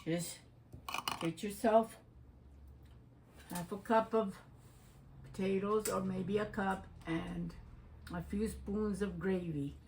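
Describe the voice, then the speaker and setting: A woman's voice: mid-range voice, fairly even intonation, takes it slowly, creaky, long pauses, background noise. A woman hosting a casual cooking vlog, chatty and affectionate with her viewers, humming as she tastes the food. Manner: chatty, affectionate, addresses viewers as "you guys" and "my doves"; savors food aloud with hums while eating. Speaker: cooking channel host.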